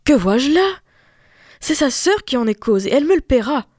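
A woman voicing a scheming peasant mother with a shrill, exclaiming manner, in a fairy-tale reading. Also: animated, moderate pace, dark tone, dry recording, clean studio sound, close to an everyday voice. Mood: shrill outrage.

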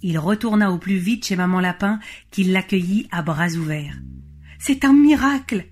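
A woman narrating a children's storybook with gentle, expressive delivery. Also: fairly low pitch, normal speed, faint music behind.

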